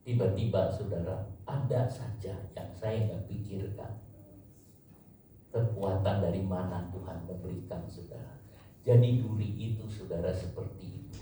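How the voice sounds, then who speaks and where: Slow-preaching pastor in an echoey church. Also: male voice, fairly low pitch, mellow, a little hiss or hum. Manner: emphatic, keeps addressing the congregation as "saudara". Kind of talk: sermon. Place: church hall. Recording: echoey church hall from far off, faint ambience.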